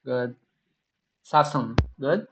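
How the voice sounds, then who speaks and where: A man hosting a live online class Q&A, speaking haltingly with many restarts and thanks. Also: mid-range voice, background noise. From Brazil. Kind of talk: casual online class chat.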